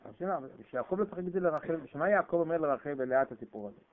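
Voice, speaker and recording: A man giving a storytelling sermon on Torah, animated and acting out the people in his stories. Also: fairly high pitch. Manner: animated, acts out voices, rising shouts. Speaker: Torah preacher. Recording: tinny phone-like radio broadcast.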